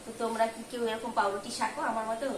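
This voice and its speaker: Middle-aged woman, hurried rambling vlog chat, recorded off-mic in a noisy, echoey kitchen. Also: on the high side, steady tone. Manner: chatty and rambling, admits she talks hurriedly and mixes up words. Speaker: vlogger. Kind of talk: casual home cooking vlog chat. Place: home kitchen, cooking on a gas stove. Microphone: camera held by her husband at some distance. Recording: roomy, distant and noisy home recording.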